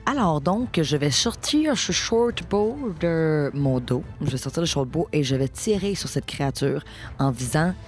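A player with a Quebec French accent, taking part in a tabletop game in a playful, excitable way. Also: medium pitch, unhurried, faint music behind.

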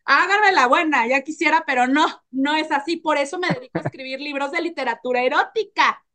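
A young Mexican woman speaking in a notably high voice, frank and playful, laughing easily as she chats on a podcast. Her talk is loose and unscripted, full of asides and teasing. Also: quick pace, a bit bright.

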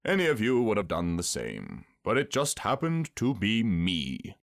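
A man voicing a gloomy, pompous, self-pitying donkey in a drawn-out, sardonic manner for a storybook. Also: on the low side, huge pitch swings, creaky, full character voice. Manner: ponderous, drawn-out, sardonic speech-making.

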